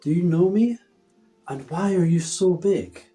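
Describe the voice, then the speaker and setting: A man's voice: sits high, unhurried, dark tone, soft background music, voice pushed up. A man voicing a flustered young penguin trapped in a fuzzy pet's body, in a hammy, theatrical, pleading manner. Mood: alarmed.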